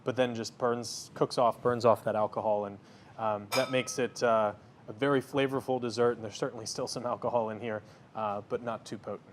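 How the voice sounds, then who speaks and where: A man's voice: medium pitch, fairly quick, slight background noise. A man, a company founder, talking confidently through a cooking demo and interview in a studio kitchen. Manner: confident, energetic, explains as he works.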